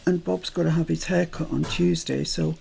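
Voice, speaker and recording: A woman's voice: low-pitched, fairly even intonation, moderate pace, creaky, a little mellow, a little hiss or hum. An older British woman chatting through a crafting tutorial at home, rambling into asides as she works.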